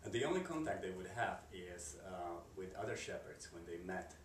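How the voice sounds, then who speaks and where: A man from Slovakia with a Slovak accent, a composer answering interview questions in a halting way, with many fillers and restarts. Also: sits low, animated. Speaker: composer and curator. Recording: roomy, distant mic, noisy background.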